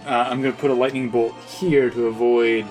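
Male tabletop player, mid-pitched, hesitant casual game talk, music clearly behind. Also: little pitch movement, fairly quick.

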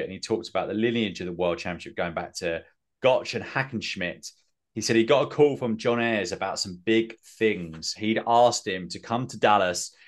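A man hosting a podcast, recapping in a rambling, self-mocking way with many fillers. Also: fairly low pitch. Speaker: podcast host. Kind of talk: casual recap chat.

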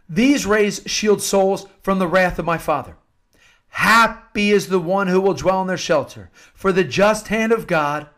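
A fairly bright tone marks this high-voiced man from the United States as he preaches with earnest emphasis. He repeats phrases to hammer them home during an informal devotional talk that includes scripture-like readings.

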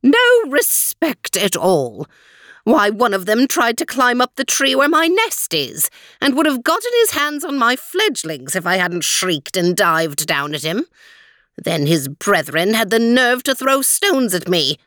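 A woman voicing a proud mother eagle, indignant and sharp. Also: mid-range voice, expressive, unhurried, no room sound, clean studio sound, pitched above the performer's own voice.

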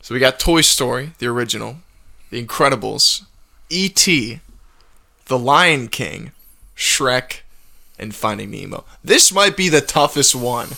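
Gravelly, bright young podcast host. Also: male voice, medium pitch, expressive, unhurried. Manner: easygoing, affirming, laughs along. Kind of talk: casual chat.

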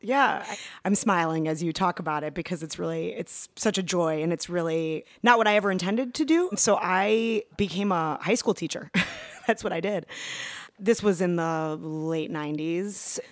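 A middle-aged woman speaks in a slightly low register, thoughtful and conversational, peppering her points with "you know" and "right?" as a guest in a relaxed interview. Her voice sits close and dry, with no room echo. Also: moderate pace. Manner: reflective, frequent "you know" and "right?" asides. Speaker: guest, activist and former teacher.

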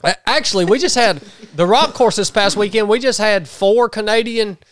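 A man's voice: high voice, normal speed, a bit bright, no room sound. Blunt ranting man. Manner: blunt, ranting, with many restarts. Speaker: podcast host. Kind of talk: casual chat.

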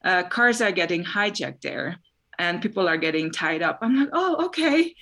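A woman from Hungary speaks as an interview guest, a science journalist telling stories from her reporting with quick asides. Her voice sits a little low for a woman. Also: expressive, a bit bright.

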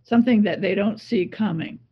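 A woman's voice: medium pitch, a little fast, slightly rough, muffled recording. A woman speaking as a coach and interview guest, teaching conversationally in an emphatic, reflective way with repeated phrases.

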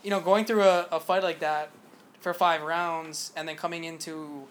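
Higher-voiced man chatting about fights. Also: steady tone, moderate pace, a little hiss or hum. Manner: rambling, hesitant with many fillers. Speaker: podcast co-host. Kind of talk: casual sports chat.

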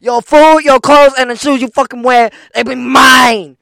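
A young man putting on the voice of a loud, threatening male prison inmate, booming out drawn-out threats. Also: steady tone, creaky, no echo, studio quality, full character voice. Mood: menacing.

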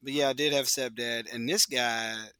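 A man's voice: mid-range voice, steady tone, moderate pace, pushed and bright, clear, resonant tone, no echo. A man speaking as a guest in an interview, reflective and hesitant, often trailing off into fillers.

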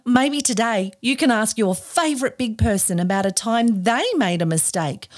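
A woman's voice: fairly high pitch, moderate pace. An Australian woman hosting a podcast for young children, speaking in a broad, exaggerated, encouraging singsong like children's theatre.

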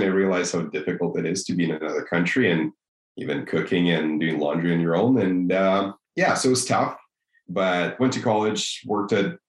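A man's voice: deep voice, echoey room, rough recording. A man in his thirties from Russia, a native Russian speaker, easygoing as he tells his story as a podcast guest. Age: 30s. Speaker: guest, mortgage broker. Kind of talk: interview answers.

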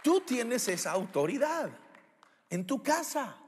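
High-voiced preacher in an echoey hall. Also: male voice, takes it slowly, breathy edge, a faint crowd. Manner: animated, rhetorical questions, humorous asides. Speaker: pastor. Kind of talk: sermon.

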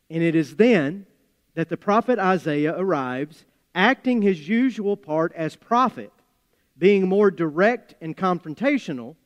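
A male preacher with an Appalachian accent delivers a sermon in a somewhat high voice. His phrasing is deliberate and emphatic, with folksy storytelling touches. The sound carries the long reverb of a large hall. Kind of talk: sermon with scripture reading and storytelling.

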